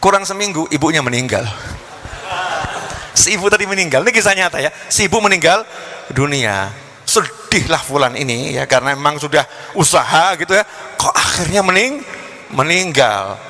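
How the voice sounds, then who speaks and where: Lively, joking male preacher. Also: a little high, moderate pace, long reverb tail. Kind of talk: sermon with storytelling.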